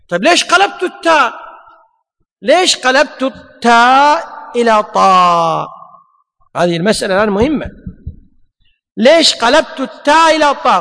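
A man's voice: extremely high pitch, sharp tone. A man teaching a grammar lesson, repeating his points and asking and answering his own questions. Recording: long hall reverb.

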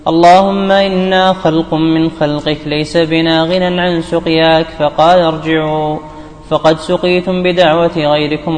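A man reading hadith text aloud as a student in a lesson, in an even, measured way. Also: on the high side. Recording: distant mic with long hall reverb.

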